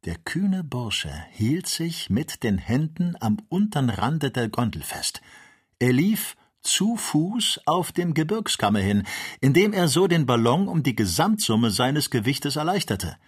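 A man reading an audiobook in a measured, even storytelling manner. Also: medium pitch, breathy edge. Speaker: audiobook reader. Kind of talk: scripted audiobook narration.

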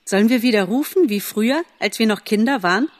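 A woman voicing a gentle young female deer, coaxing her brother softly in a storybook reading. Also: fairly high pitch, animated, fast talker, no echo, voice pushed up, close to an everyday voice. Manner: soft, coaxing. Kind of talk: audiobook character voice.

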